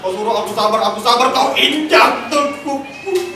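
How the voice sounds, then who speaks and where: A man's voice: very high-pitched, moderate pace, music in the background. Man reciting poetry on stage, rhetorical and emphatic, heard from afar in a reverberant hall. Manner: emphatic, rhetorical, swinging between loud and hushed. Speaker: poetry contest entrant. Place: large hall at a contest. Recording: echoey hall from far off with crowd.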